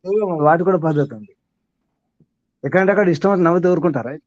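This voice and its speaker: A man's voice: high voice, fast, a little mellow, no room sound, muffled recording. A man acting as spiritual teacher, giving a sermon to a small group, questioning his listeners and reeling off long lists.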